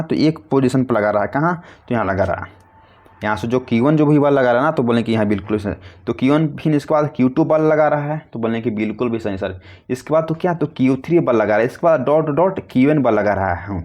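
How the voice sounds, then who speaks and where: Casting note: male physics teacher, mid-pitched voice, quizzes the class and answers himself, coaxes students affectionately. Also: a little mellow. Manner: asks questions and answers them himself, repetitive and coaxing; calls students "babu" affectionately. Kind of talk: classroom lecture explaining a derivation.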